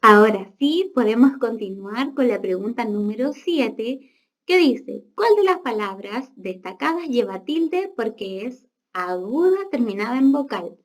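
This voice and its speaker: A woman's voice: on the high side, expressive, unhurried. A woman teacher with a Chilean accent going over quiz answers and reading a story aloud to students, stopping to explain words. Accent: Chilean Spanish. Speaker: school teacher. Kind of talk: classroom feedback and reading aloud.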